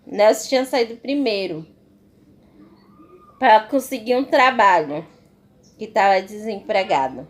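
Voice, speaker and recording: A woman's voice: medium pitch, lively intonation, unhurried, pauses often. A woman giving an emotional religious testimony as a missionary, in a fervent, repetitive storytelling manner.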